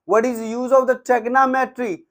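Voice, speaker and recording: A man's voice: extremely high pitch, level tone, fairly quick, a bit bright. A man with an Indian English accent teaching a grammar lesson, repeating words and dictating examples one at a time.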